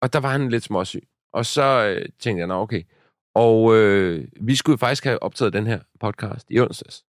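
A man's voice: fairly low pitch, few pauses, no echo, studio quality. A man in his thirties, a podcast co-host, telling a story in casual chat with many fillers and restarts.

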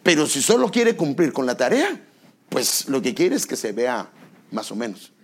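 A man's voice: mid-range voice, big pitch swings, moderate pace, husky. A male pastor preaching a sermon, asking the congregation rhetorical questions and stressing repeated words.

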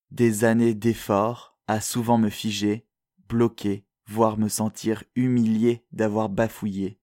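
A man from France with a French accent, hosting a podcast in a calm, reflective, measured way, as scripted narration. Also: on the low side, no echo, clean studio sound. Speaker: podcast host.

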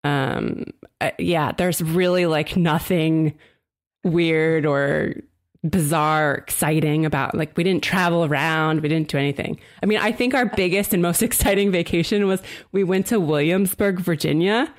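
A woman's voice: deep voice, a little slow. A woman from South New Jersey, chatting casually in an interview with lots of fillers and laughter. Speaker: design blog founder, podcast co-host.

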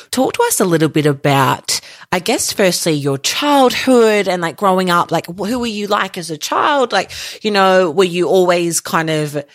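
A young woman hosts a casual podcast interview, her voice low-pitched and effusive. The sound is dry and close, with no room echo around her. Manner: upbeat, effusive, many fillers. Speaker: podcast host.

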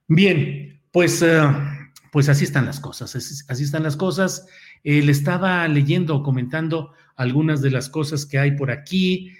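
A man's voice: fairly high pitch, normal speed. A man with a Mexican accent hosting a live online news and interview show without a script.

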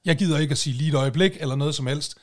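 Animated storytelling man. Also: fairly high pitch. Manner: animated, swearing, acts out quotes loudly. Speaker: podcast co-host. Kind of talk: casual storytelling chat.

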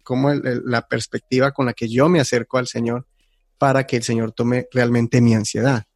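A man on a faith talk show with a middle-pitched voice. He explains his ideas reflectively, setting one example against another. The sound is close and dry. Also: flat delivery, normal speed, no echo.

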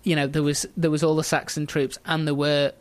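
A man's voice: a little high, level tone, a little fast. A man casually telling a history story on a podcast, chatty and joking, laughing often.

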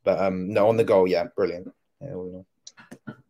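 A man's voice: low-pitched, steady tone, brisk, warm tone. A man co-hosting a football podcast, going over a match in casual chat, rambling with many fillers.

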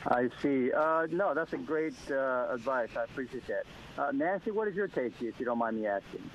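A man's voice: mid-range voice, lively intonation, moderate pace. A male caller on a clipped phone line, politely asking a radio show a hesitant question with many fillers. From Mississippi. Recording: muffled phone line with faint hiss.

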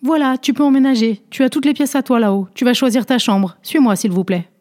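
A woman's voice: on the high side, brisk, a little mellow, voice pushed up, natural voice. A woman doing a breathless, eager young woman.

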